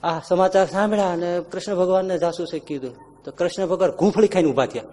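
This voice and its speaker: A man giving a devotional sermon, telling stories animatedly and acting out the characters' lines with sudden loud and hushed swings. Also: high-pitched, quick pace, slight background noise. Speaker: religious storyteller. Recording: long hall reverb.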